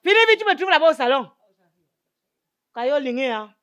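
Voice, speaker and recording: A woman's voice: high-pitched, expressive, normal speed, a bit bright. A woman playing a stern, commanding mother and older sister in a sitcom, giving curt orders. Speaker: sitcom actress. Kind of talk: comedic sitcom acting.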